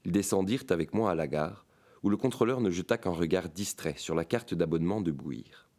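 A man with a very deep voice reads a fantastic tale aloud. He narrates in a measured, dramatic way, as in an audiobook. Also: a little mellow. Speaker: reader of a short story.

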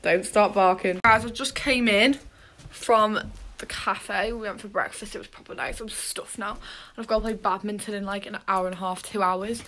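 A woman's voice: mid-range voice, steady tone, normal speed, fairly bright tone. A young woman talking casually to camera in a rambling, self-deprecating vlog about her day. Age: young adult. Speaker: vlogger. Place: at home, then outdoors.

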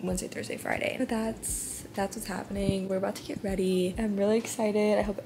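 A young American woman talks casually in a chatty vlog style at a medium pitch. She leans on "like" as she goes, with heavy background noise. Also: little pitch movement, a little fast, creaky. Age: young adult. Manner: chatty, uses "like" often. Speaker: vlogger, college student. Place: indoor rooms at home. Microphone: camera at arm's length or close by.

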